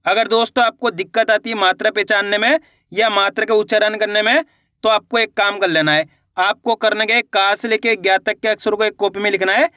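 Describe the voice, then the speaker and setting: A man teaching reading, sounding out each syllable slowly and then blending them into words, often repeating and asking the learner questions. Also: high voice, fairly even intonation, bright, forceful tone, no echo, clean studio sound. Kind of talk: slow spelled-out reading lesson.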